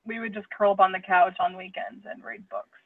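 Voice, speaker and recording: A woman's voice: medium pitch, big pitch swings, a little fast, no room sound. A woman co-hosting a podcast, chatting in an easygoing way over a remote line. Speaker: podcast co-host. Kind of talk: casual chat. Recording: tinny phone-like line.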